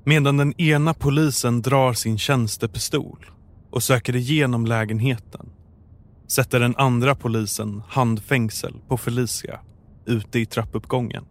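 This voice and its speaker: A man narrating a true crime story in a calm, measured, scripted way. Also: medium pitch.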